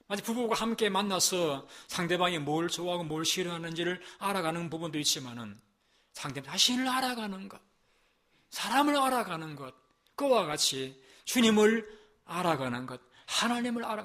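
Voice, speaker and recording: A male pastor giving a Sunday sermon, emphatic and repetitive, swinging between loud stressed phrases and soft low passages, with rhetorical questions to the congregation. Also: very animated, normal speed.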